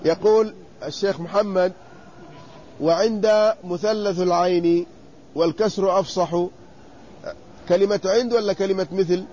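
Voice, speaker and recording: A man teaching a classroom lesson, stretching out word forms slowly and quizzing his students. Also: high voice, steady tone, mellow. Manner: drawn-out repetition of word forms, questioning students. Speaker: sheikh teaching inheritance law. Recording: muffled lo-fi lecture recording with faint noise.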